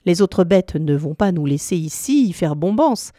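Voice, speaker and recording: A woman's voice: expressive, normal speed, warm tone, dry recording, clean studio sound, lightly acted. A woman voicing a clever, bold male cat in a storybook reading, raising her voice as he schemes and urges his friends on. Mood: urgent. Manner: eager, scheming, higher than her narration.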